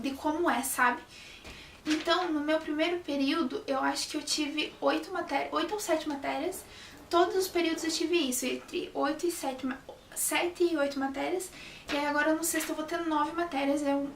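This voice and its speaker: Her high voice comes through with a bit of hiss or hum, echoing in the room because the mic sits slightly far off. She's a young journalism student chatting informally to camera, restarting sentences often and tossing in "sabe?" frequently.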